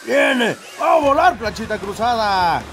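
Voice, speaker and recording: An excitable Mexican man commentates on lucha libre in a very high-pitched voice. His play-by-play comes at a measured pace, full of exclamations, with music playing behind him. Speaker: wrestling commentator.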